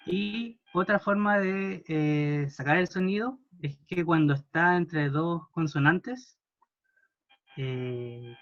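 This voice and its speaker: A man teaching a language class, patiently modelling words slowly for students to repeat. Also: fairly high pitch, no room sound, lo-fi sound. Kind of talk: classroom pronunciation lesson.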